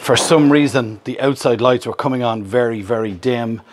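An upbeat, chatty Irish man in his fifties hosts a casual vlog, talking straight to a camera held at arm's length and explaining things as he goes. His voice is mid-pitched at a normal speed, and the close, casual sound was recorded in a workshop yard and inside a van he's building.

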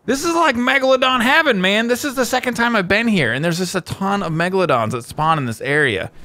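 A chatty man talking over his gameplay in a loose, rambling way, often stopping to correct himself. His voice sits somewhat high for a man and swings widely in pitch. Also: a bit bright. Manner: rambling, chatty, frequent fillers and self-corrections. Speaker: gameplay video host. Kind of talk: casual gameplay commentary.

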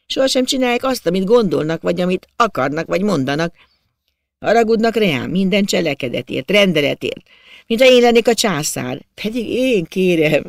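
A man's voice: sits high, lively intonation, gravelly, no room sound, clean studio sound, pitched above the performer's own voice. A man voicing a timid, self-pitying imperial official from Prague who laments his lot in a storybook reading. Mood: lamenting. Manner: plaintive, wistful lamenting.

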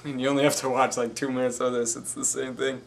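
A man's voice: medium pitch, little pitch movement, fast talker, gravelly, very noisy. A young man chatting casually to his camera in a living room, as a challenge vlogger. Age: young adult. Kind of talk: casual vlog chat to camera.

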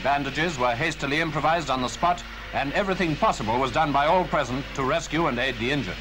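A man narrating an old newsreel in a grave, formal, measured manner. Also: a little high, background noise. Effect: old newsreel voice-over. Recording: voice-over with music underneath.

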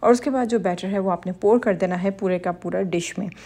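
Over footage of her cooking, a woman narrates a baking tutorial for her channel, a little fast and with a breathy edge. Her voice is warm, mellow, and middle-pitched. She guides viewers step by step, speaking to women directly in a reassuring, instructive manner.

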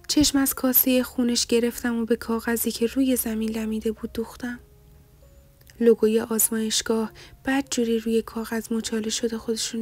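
A woman narrating a novel in the first person, in a soft delivery that often drops to a breathy half-whisper. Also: on the high side, no room sound. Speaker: audiobook narrator.

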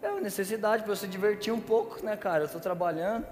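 A man's voice: high voice, quick pace, lightly acted. A man doing a grumbling teen boy. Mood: whiny. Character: grumpy teenage boy friend, whiny and laid-back. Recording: echoey church hall, faint music.

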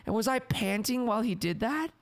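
Speaking briskly with lively intonation at a medium pitch, this let's play commentator reads the game's on-screen text aloud and erupts into panicked shrieks and laughter while game music plays.

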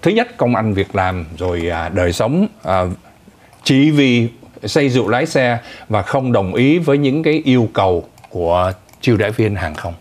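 A male co-anchor telling and commenting on the news in a lively, conversational way, speaking directly to the audience. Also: on the low side, moderate pace.

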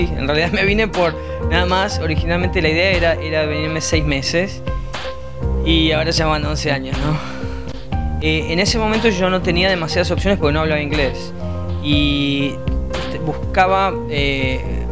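Argentine man telling his story. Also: a little high. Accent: Buenos Aires Spanish. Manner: relaxed storytelling with many fillers. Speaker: interviewee, business owner. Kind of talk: seated interview. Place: indoor showroom. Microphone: handheld mic held close.

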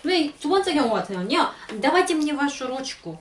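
A young woman explains a language lesson with a high, lively voice. She reads example sentences slowly and clearly. The sound is roomy and set back from the mic. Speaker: language teacher. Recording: roomy, a bit far from the mic.

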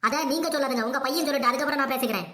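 Fiery young cartoon daughter-in-law, voiced by a woman. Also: high-pitched. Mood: furious. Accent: Kanyakumari Tamil. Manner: fast, shouting threats, combative. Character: hot-tempered young daughter-in-law, fierce and defiant. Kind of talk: cartoon comedy voice acting.

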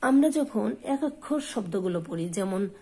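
A woman teacher giving a spoken lesson, saying example words slowly and repeating them for her pupils. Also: medium pitch, animated, mellow, breathy edge, poor audio. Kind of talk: slow spoken lesson on pronunciation.

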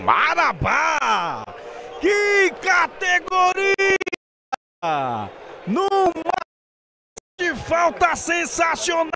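A Brazilian man doing live football commentary, exploding into goal calls with shouted, drawn-out words. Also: very high voice. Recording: noisy outdoor stadium broadcast.

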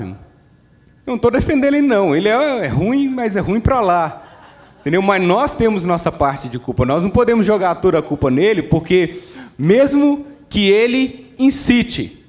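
High-voiced preacher. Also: male voice, a little mellow. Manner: emphatic, repeats phrases, asks the congregation "né? entendeu?". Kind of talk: sermon. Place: church service.

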